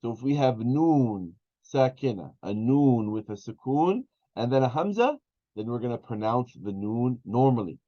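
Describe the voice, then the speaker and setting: A man teaching an Arabic class, explaining slowly with many fillers and restarts. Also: mid-range voice, lively intonation. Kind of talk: online class lesson. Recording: dull lo-fi sound.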